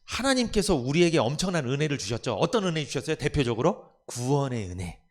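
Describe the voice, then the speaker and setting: A man's voice: mid-range voice, sing-song, fast talker. A man pastor preaching a sermon in church, asking the congregation rhetorical questions and acting out family members' voices. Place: church sanctuary.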